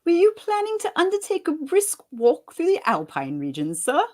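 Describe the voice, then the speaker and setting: A man's voice: very high-pitched, wildly swooping pitch, normal speed, darkish tone, pitched above the performer's own voice, full character voice. A man voicing a prim, disapproving male valet, who speaks stiffly and formally. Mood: coolly disapproving.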